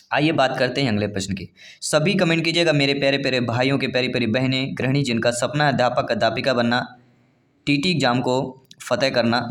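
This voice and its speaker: A man with a mid-range voice leads an exam-prep lesson, reading every question aloud before explaining it to viewers, whom he addresses as his dear friends.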